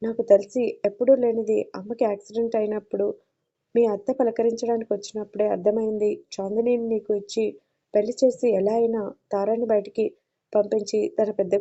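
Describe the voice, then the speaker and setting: Woman voicing a worried middle-aged uncle, confiding, dark flat voice, lo-fi audio. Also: mid-range voice, a little fast, natural voice. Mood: advising. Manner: gentle, confiding, advising.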